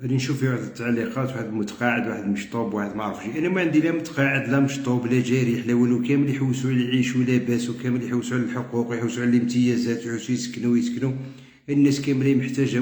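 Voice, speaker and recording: Rapid-fire and darkish, a mid-range male voice with fairly even intonation carries an impassioned appeal to fellow members. The speaker is a middle-aged coordinator of a veterans' group, Algerian Arabic in accent, heated and repetitive, recorded amid roomy echo.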